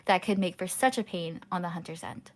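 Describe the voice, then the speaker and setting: A woman's voice: fairly low pitch, fairly quick. A woman commentating a live online gaming tournament, walking through tactics step by step. She talks in a loose, analytical way, with plenty of "um" and "like" as she thinks aloud. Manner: analytical, explains strategy with frequent fillers. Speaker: esports caster.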